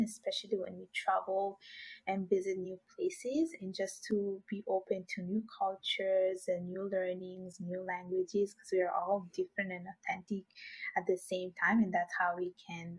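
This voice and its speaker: Husky-voiced woman guest, earnest. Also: on the low side, little pitch movement, moderate pace, low-quality recording. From Italy. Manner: earnest, hesitant with fillers and restarts. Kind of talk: podcast interview.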